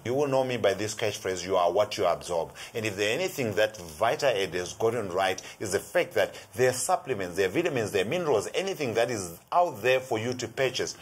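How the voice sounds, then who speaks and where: Middle-aged South African man on a studio shopping show; his voice sits low and sounds a touch husky. He explains with eager energy, looping through "you know" as he builds each point. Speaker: resident health expert. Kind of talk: TV shopping product talk. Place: TV studio set.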